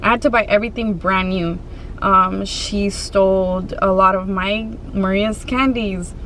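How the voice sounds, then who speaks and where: Woman vlogger just chatting to her viewers, storytime style, mid pitch, bit of noise behind her, lots of stop and start. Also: steady tone, unhurried, a bit bright, poor audio. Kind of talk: casual storytime chat to viewers.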